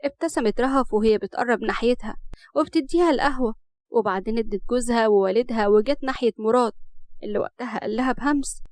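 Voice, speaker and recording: A woman storyteller with an Egyptian accent reads a family tale in a brisk, lively manner. Her voice sits a little high and moves quickly. The recording is dry and close. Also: no echo. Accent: Egyptian Arabic. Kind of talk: colloquial storybook narration.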